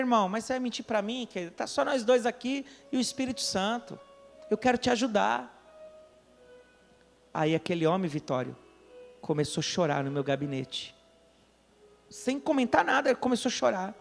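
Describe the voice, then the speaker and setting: A pastor from Brazil preaching a sermon, telling a story and acting out the people in it, with questions to the congregation. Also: male voice, high voice, gravelly, big-room sound. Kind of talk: sermon with acted dialogue. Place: church during a service.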